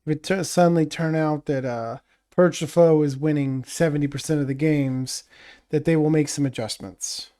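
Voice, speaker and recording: Podcast cohost guy, bit higher pitched voice, careful and hesitant, keeps restarting sentences. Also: fairly even intonation, mellow. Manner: measured, hesitant, frequent restarts. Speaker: podcast co-host. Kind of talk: casual chat about a tabletop wargame.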